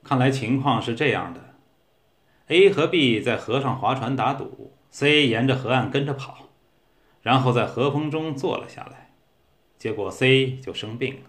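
A man reads a short story aloud in an even, measured way. His voice sits at a middling pitch, neither high nor low. He tells it steadily from start to end. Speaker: narrator. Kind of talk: storybook reading.

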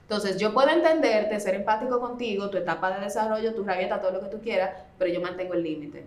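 A woman speaking as a parenting expert guest, explaining in a conversational way and acting out gentle talks with a child. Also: mid-range voice, fast. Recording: roomy echo.

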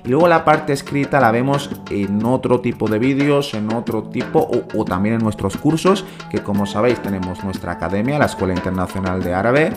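A man teaching in a podcast, speaking slowly and patiently and repeating each sound several times. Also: on the low side, over music. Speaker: Arabic teacher. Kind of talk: podcast lesson.

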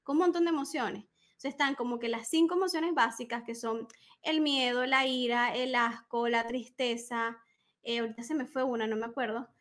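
Speaking at a moderate pace with fairly high pitch and fairly even intonation, a woman emotional wellness coach gives a conversational interview. She's warm and explanatory, patiently laying out ideas and acting out short examples of things a parent might say.

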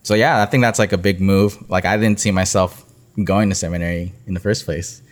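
A man's voice: deep voice, steady tone, brisk. A young man co-hosting a podcast, chatting casually and rambling with lots of "like" fillers. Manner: rambling, heavy use of "like" as filler. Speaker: podcast co-host.

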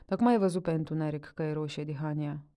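A woman's voice: low voice, fairly even intonation, dark tone, close to an everyday voice. Woman voicing a tipsy, doubting constable. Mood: doubtful. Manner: tipsy, questioning. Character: drunk sluggish male constable.

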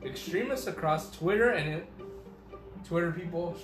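A man's voice: on the high side, normal speed. A man co-hosting a casual podcast, reading posts aloud, swearing and laughing. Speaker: podcast co-host. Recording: echoey room with music.

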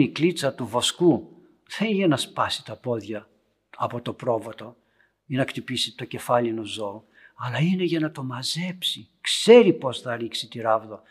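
A man's voice: medium pitch, husky. A man, an Orthodox priest, giving a storytelling homily to young parents in a church meeting room, his voice swelling and then dropping to near whispers.

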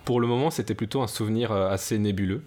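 A man's voice: lowish voice, fast, a little mellow. A man talking casually on a podcast, thoughtful and hesitant with many fillers. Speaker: podcast co-host. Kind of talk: casual discussion.

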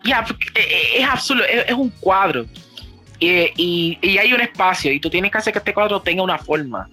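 A man's voice: high-pitched, animated, moderate pace, sharp tone, husky, soft background music. A man chatting casually about video games, constantly mixing English phrases into his Spanish and swearing freely.

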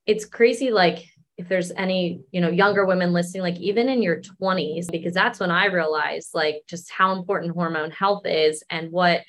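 A woman in her thirties, a wellness coach guest, explaining things in a relaxed, casual way with many fillers. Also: fairly low pitch, moderate pace. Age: 30s. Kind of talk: casual interview chat.

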